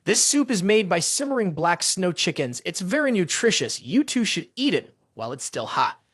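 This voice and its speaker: A man's voice: sits high, sing-song, normal speed, fairly bright tone, husky, no echo, studio quality, heavily acted. A man voicing a scheming female senior disciple in a fantasy story recap, who plays sweet and innocent.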